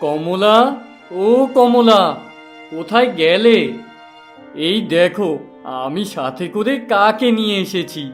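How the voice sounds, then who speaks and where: A man voicing a poor, kind-hearted village father in a cartoon, speaking gently. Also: high-pitched, animated, measured pace, soft background music. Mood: worried. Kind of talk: cartoon voice acting.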